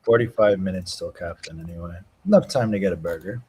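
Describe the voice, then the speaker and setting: A man's voice: low-pitched, quick pace, a little mellow, breathy edge. A man hosting a casual live stream, chatting, thanking donors and reacting to fights. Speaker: stream host.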